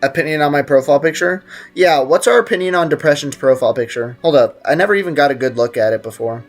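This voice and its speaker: Game music backs a fast-talking man with a high-ish voice as he streams a video game, bantering casually in slang, reading out chat and giving offhand gameplay commentary.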